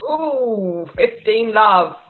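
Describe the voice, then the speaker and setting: Husky, cheeky British big sister, played by an actress. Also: female voice, mid-range voice, animated, extremely slow, faint music behind. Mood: boisterous. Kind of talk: rehearsed script reading. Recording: thin, phone-like video call audio.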